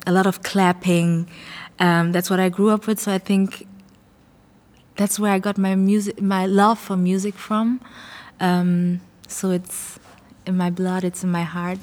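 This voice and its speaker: A young woman talks in a low, level voice that barely rises or falls. She answers interview questions earnestly, pausing to find her words. The sound trails off in a long reverb. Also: darkish tone. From Germany. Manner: earnest, thoughtful, searching for words. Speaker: singer and songwriter.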